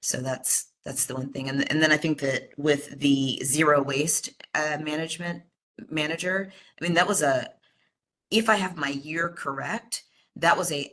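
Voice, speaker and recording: A woman's voice: low-pitched, sharp tone. A woman chairing a commission meeting over a video call, speaking with many fillers and restarts. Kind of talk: virtual meeting discussion.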